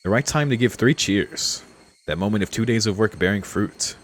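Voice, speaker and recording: Over a slight hiss or hum, a man with a fairly low voice streams a game at a moderate pace. He reads on-screen text aloud and adds relaxed, easygoing let's-play remarks.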